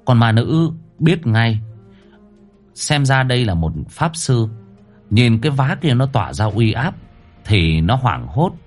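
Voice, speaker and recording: Animated male storyteller. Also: measured pace, faint music behind. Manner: animated, swinging pitch for drama. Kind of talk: dramatic horror story narration.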